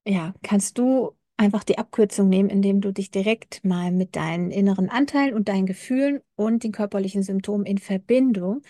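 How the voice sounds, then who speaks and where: Soft-spoken woman coaching on pain. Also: mid-range voice, fairly quick, few pauses, no echo, clean studio sound. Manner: gentle, reflective, quotes inner voices; addresses the listener informally, frequent fillers. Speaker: coach for chronic pain and migraine. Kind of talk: casual direct-to-camera talk.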